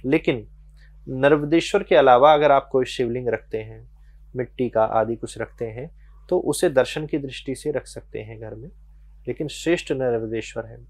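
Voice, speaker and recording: A man speaks as a spiritual teacher in an interview. He explains worship rules calmly and patiently and tells devotional stories along the way. His voice sits in a middle pitch and is recorded dry and close. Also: moderate pace, no room sound.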